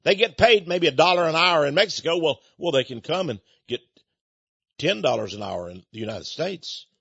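High-voiced man ranting indignantly. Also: animated, normal speed, creaky, fairly bright tone, breathy edge, dry recording. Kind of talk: political commentary monologue. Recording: dull, dry lo-fi recording.

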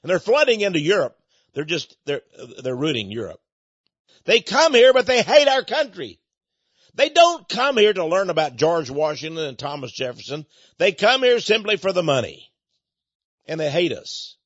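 High-voiced man ranting indignantly. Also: very animated, moderate pace, fairly bright tone, breathy edge, no echo. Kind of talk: political commentary monologue. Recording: dull, dry lo-fi recording.

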